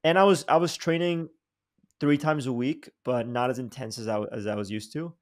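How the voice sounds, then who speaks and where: In this casual podcast interview, the young male host speaks at a moderate pace and an ordinary pitch for a man. He is animated and slangy, saying "dude" and "bro," and keeps restarting his sentences as ideas rush out.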